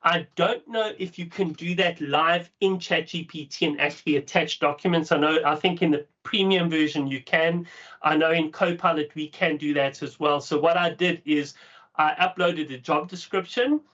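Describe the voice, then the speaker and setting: A man's voice: a little high, fairly even intonation, normal speed, a bit bright. A man with a South African accent giving a casual, explanatory webinar presentation over a video call. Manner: casual, explanatory, with frequent ums. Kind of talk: webinar presentation with screen share. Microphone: video call mic. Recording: dull lo-fi video call audio.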